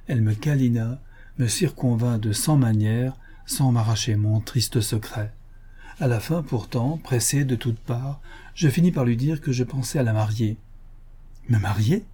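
A man reading a classic novel aloud in the first person, measured and even. His voice is dark and mellow, with a husky, breathy grain at an ordinary pitch. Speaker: audiobook narrator. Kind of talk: first-person literary narration.

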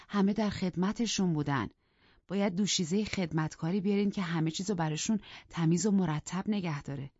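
A man's voice: high voice, darkish tone, no room sound, pitched above the performer's own voice. A man voicing a sensible middle-aged housekeeper woman who pleads earnestly in a raised voice in an audiobook. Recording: dry, dull lo-fi recording.

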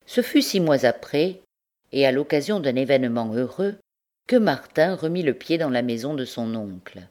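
Female audiobook narrator, low and deep-toned, expressive classic-novel reading. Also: moderate pace. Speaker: volunteer audiobook reader.

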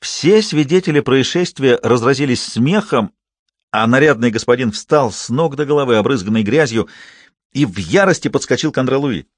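A man with a mid-range voice narrates an audiobook from a script, telling the story in a measured, even manner. The studio-quality recording has no echo.

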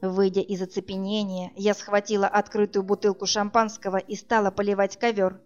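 A woman narrating a first-person audiobook in an even, measured storytelling voice. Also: mid-range voice. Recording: dull lo-fi audio with faint music.

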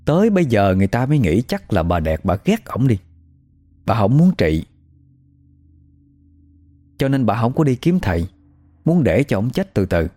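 A man's voice: medium pitch, very animated, normal speed, pauses often, mellow, no echo. A man with a Southern Vietnamese accent telling a spooky folk story in a chatty, gossipy way. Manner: conversational, gossipy retelling.

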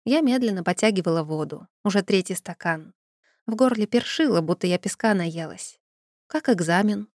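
Low-voiced woman narrating a fantasy tale. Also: moderate pace, dry recording, studio quality. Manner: dramatic, expressive storytelling. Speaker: audiobook narrator. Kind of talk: first-person fantasy audiobook narration.

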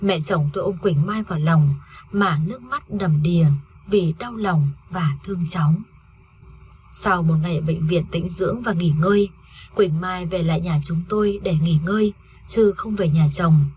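A woman narrating a first-person family story in a steady, earnest reading voice. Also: lowish voice, normal speed, a little hiss or hum.

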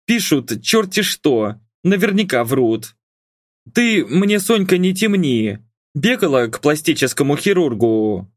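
A woman's voice: low-pitched, sing-song, measured pace, no echo, studio quality, pitched above the performer's own voice, full character voice. A man voicing a suspicious, bossy middle-aged mother who scolds her grown daughter, in an audiobook reading. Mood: scolding. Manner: nagging, bossy.

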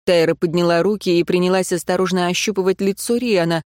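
A woman narrating a fantasy audiobook in a steady, even storytelling voice. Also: on the low side, fast talker, no room sound, clean studio sound. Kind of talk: scripted narration.

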